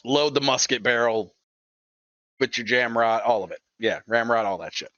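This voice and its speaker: A man's voice: medium pitch, normal speed, pushed and bright, no room sound. A man narrating a tabletop game as its game master, loose and casual, laughing often. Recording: dull, lo-fi and dry.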